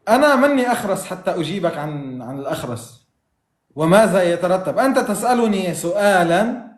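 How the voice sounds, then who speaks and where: High-pitched man debating. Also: echoey room. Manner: argumentative, quoting texts, mocking laughs. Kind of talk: heated religious debate.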